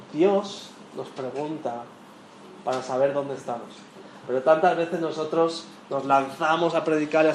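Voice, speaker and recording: A man leads a Bible study in a chatty, questioning way, often tagging his sentences to check in with the group. His voice sits fairly high. It rings through an echoey indoor room with faint noise behind it. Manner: conversational, quizzing the audience with tag questions. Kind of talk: interactive Bible lesson.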